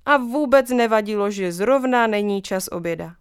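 A woman reading a children's story aloud in a gentle, even storytelling manner. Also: medium pitch, clean tone, no echo, clean studio sound.

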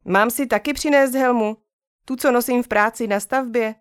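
A woman reading aloud and voicing a gentle, patient father who calmly comforts his upset son in a children's story. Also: fairly high pitch, clear, resonant tone, dry recording, studio quality, natural voice. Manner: calm, soothing, kindly questioning.

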